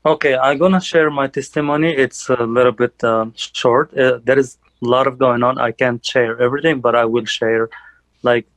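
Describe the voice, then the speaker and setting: Young man from Algeria, church testimony, halting delivery with fillers, dry close sound. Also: medium pitch, steady tone, fairly bright tone, no room sound, poor audio. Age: young adult. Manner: halting, many fillers and restarts. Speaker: church member giving testimony. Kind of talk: personal testimony.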